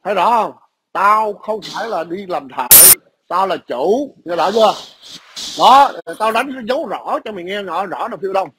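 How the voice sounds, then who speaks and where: A man's voice: high-pitched, fairly bright tone, slight background noise. A man, ranting aggressively and profanely into a phone camera at his workplace. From Vietnam. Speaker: vlogger. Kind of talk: angry ranting video message.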